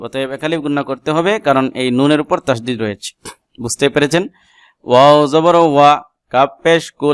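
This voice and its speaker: A man's voice: fairly high pitch, clear, resonant tone, no echo, studio quality. A man who speaks Bengali as his first language and teaches Quran reading, spelling out letters and vowel marks and then explaining each tajweed rule. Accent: Bangladeshi. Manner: chants the Arabic verse in a melodic recitation. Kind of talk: spelled-out Quran recitation lesson.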